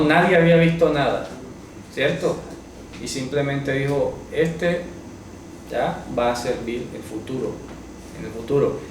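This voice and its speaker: A man leads a Bible study class, voice set at an ordinary middle pitch. He spells out Hebrew phrases slowly and keeps checking that listeners follow. The recording is very echoey, with the mic far off and faint noise behind. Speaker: Bible teacher.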